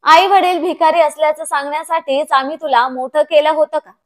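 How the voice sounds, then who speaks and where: A woman's voice: high-pitched, fairly even intonation, a little fast, close to an everyday voice. A woman voicing an older father who speaks with pained reproach. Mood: hurt. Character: older father, proud and deeply hurt.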